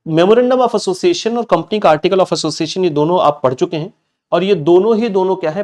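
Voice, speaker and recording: Guy teaching online exam prep, chatty, keeps checking everyone gets it, voice a little high. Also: a little mellow. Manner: chatty, repeats points and checks in with students. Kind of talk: online banking law lecture.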